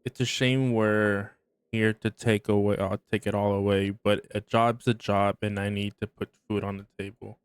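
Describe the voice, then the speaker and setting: A man reading aloud the lines of a weary, dutiful male worker out in the woods, in a measured, plain way. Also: lowish voice, flat delivery, clear, resonant tone, no echo, voice pushed down, close to an everyday voice. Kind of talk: reading game dialogue aloud.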